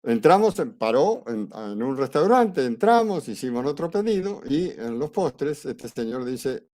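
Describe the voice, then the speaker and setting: A man's voice: medium pitch, a little slow. A man teaching a class, telling a personal story in a conversational way and acting out the dialogue. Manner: lively anecdote, acts out quoted dialogue; conversational, with fillers and restarts. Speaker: astrology teacher.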